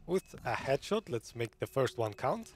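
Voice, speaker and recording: A man's voice: medium pitch, big pitch swings, a little slow. A man giving live commentary on a game stream, chatty and often laughing, reading viewers' comments aloud. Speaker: gaming streamer.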